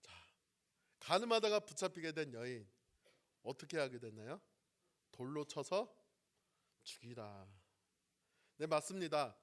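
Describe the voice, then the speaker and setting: A man preaching a sermon as pastor, often asking the congregation questions and swinging between loud emphatic phrases and soft trailing endings. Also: on the high side, sing-song, measured pace, pauses often. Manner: asks the congregation questions and waits for replies.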